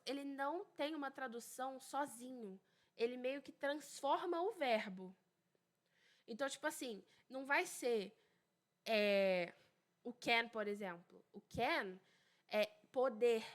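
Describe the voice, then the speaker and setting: A young woman who speaks Portuguese natively, teaching an English grammar lesson in a casual, chatty way and slowly repeating the example words. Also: fairly high pitch.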